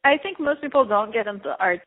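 A woman's voice: on the high side, animated, fast talker. Woman from Turkey, phone-thin interview. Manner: reflective, with frequent fillers and soft laughs. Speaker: artist and guest. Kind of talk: casual interview answers. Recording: narrow phone-like sound.

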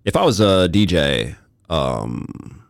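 A man's voice: sits low, lively intonation, moderate pace. A young man hosting a solo podcast from a studio, rambling and joking at himself in an irreverent way. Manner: rambling, irreverent, self-mocking. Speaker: podcast host. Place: recording studio. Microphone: studio microphone.

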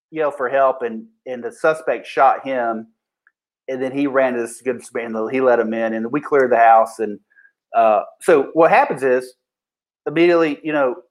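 A police officer, a man, recounts events in a casual, blunt voice. His speech is peppered with profanity and false starts, and he re-enacts what others said. His voice sits at an ordinary pitch for a man. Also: moderate pace, low-quality recording. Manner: profane, blunt, restarts sentences often; acts out what people said in raised voices. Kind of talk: casual storytelling.

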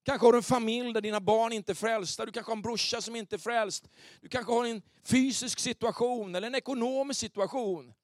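High-voiced male pastor, animated sermon. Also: no room sound, studio quality. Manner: animated, questioning the congregation. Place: church. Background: soft keyboard pads.

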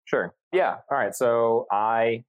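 A man's voice: mid-range voice, takes it slowly, smooth, lo-fi sound. A man around thirty from central Massachusetts, a podcast guest telling stories in a rambling, casual way with many restarts. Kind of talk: casual conversational storytelling.

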